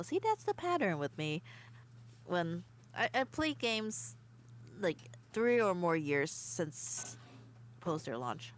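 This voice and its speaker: A woman hosting a casual game stream, chatting to her viewers in a relaxed way. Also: medium pitch, rough recording. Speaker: streamer host.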